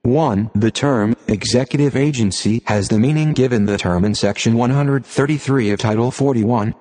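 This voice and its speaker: A computer-generated man's voice reading formal text aloud as scripted narration, in an impersonal, measured manner. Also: mid-range voice, a little mellow. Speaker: narrator of an audio reading series. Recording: long hall-like reverb.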